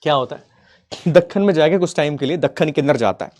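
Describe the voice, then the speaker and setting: A man teaching history as a story in a casual, affectionate way. He acts out the figures' lines in quick asides and keeps asking his students whether they have understood. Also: a little high, expressive, a little mellow. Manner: keeps checking if students follow, affectionate, addresses them as kids.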